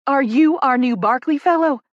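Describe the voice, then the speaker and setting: In an audiobook novel, a narrator voices an excitable little Southern woman who works in publicity, her high voice swinging upward in emphatic, breathless, gushing excitement. Bubbly and effusive with a Southern drawl, she's recorded close and dry at a moderate pace, with lo-fi sound and a delivery close to an everyday voice.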